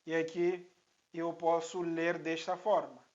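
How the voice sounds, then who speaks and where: Male teacher, unhurried to the extreme, patient, repeats each syllable; muffled lo-fi recording. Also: on the high side, little pitch movement, a little mellow. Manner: patient, repeats sounds for the learner to copy. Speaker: Arabic teacher. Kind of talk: slow syllable-by-syllable language lesson.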